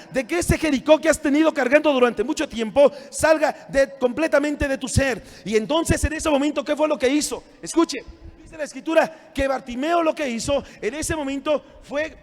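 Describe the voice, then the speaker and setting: A male pastor preaching a sermon, often shouting and acting out scenes from scripture. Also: extremely high pitch. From Mexico. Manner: preaching with frequent shouting and dramatic retellings. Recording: long church hall reverb.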